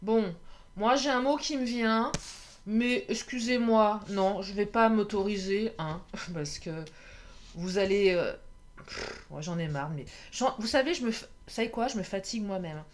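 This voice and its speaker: A woman's voice: mid-range voice, measured pace. A woman doing a casual card reading to camera. She is chatty, hesitates with many fillers and laughs at herself. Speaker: tarot card reader.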